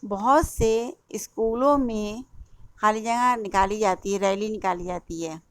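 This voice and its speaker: Female Urdu teacher, Indian accent, slow and repetitive, spells words out, dry close sound. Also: medium pitch, dry recording. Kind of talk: classroom lesson explaining a workbook.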